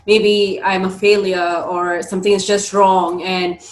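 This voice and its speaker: A woman's voice: medium pitch, little pitch movement, unhurried. Thoughtful Singaporean woman in an echoey room. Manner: thoughtful, many fillers. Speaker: podcast guest, career coach. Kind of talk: conversational interview.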